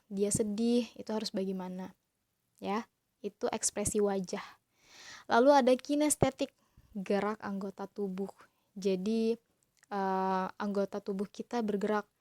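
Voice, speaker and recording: A woman teacher explaining slowly and patiently to young pupils in a recorded class lesson. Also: mid-range voice, no room sound. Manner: slow, patient explaining to children.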